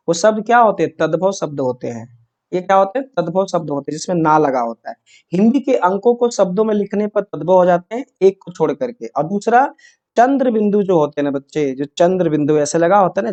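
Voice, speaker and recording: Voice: mid-range voice, a little mellow. A teacher giving an exam-prep grammar lesson, asking questions and answering them, checking in with short tags. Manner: repeats key points and checks with "है ना" and "yes or no".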